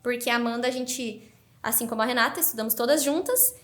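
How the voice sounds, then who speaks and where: A woman's voice: a little high, fast talker. A woman guest on a podcast, telling her story animatedly in a casual interview. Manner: animated, excited narration.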